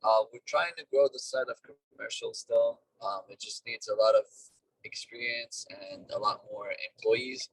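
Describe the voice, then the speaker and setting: Business owner calling in from his car on speakerphone; husky, sounds far off, explains things plainly with pauses. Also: medium pitch, no echo. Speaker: duct cleaning business owner, guest. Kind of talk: casual interview over a call. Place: in his car while driving. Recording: distant car speakerphone call.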